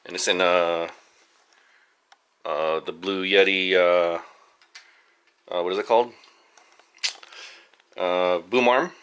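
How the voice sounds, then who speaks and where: A father hosting a family video channel, casually showing off his home studio in a halting, rambling way with lots of fillers and restarts. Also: sits low, fairly even intonation, a bit bright, clean tone. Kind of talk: casual studio tour vlog.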